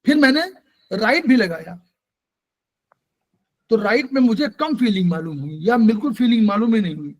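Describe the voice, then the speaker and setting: High-voiced man teaching acupressure. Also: expressive, moderate pace, pauses often. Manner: patient, explanatory, quizzes students. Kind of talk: online class lecture.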